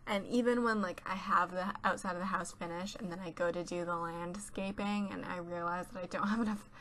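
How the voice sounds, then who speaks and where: On a home voice-over mic, a teen YouTuber congested from a cold rambles and giggles through a casual chat. She talks fairly quickly in a lowish, steady, fairly bright voice, and there is slight background noise.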